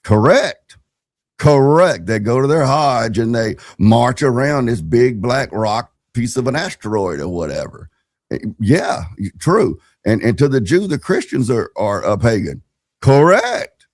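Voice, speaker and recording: A man's voice: medium pitch, lively intonation, normal speed, a little mellow, no room sound, clean studio sound. A middle-aged man giving wry, rambling casual commentary on a panel, with chuckling asides. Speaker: panel guest.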